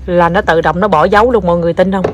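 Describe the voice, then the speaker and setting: A woman's voice: on the low side, fairly even intonation, racing, dull audio, background noise. A woman in her thirties, a mother chatting casually to camera and laughing as she retells her child's words. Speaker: mother and vlogger.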